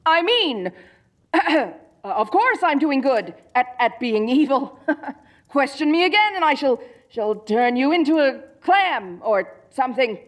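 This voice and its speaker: Heavily acted and very animated, a woman's high-sitting voice moves at a slow pace as she plays a dorky evil sorceress queen in a comedic roleplay audio drama. The queen is grandiose, gleefully wicked, soft-hearted and awkwardly chatty, and here she comes across as flustered yet imperious.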